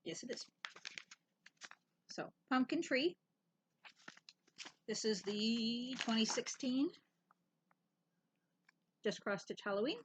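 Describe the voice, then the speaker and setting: A woman co-hosting a casual stitching chat, wry and quick to laugh. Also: on the high side, slight background noise. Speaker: co-host.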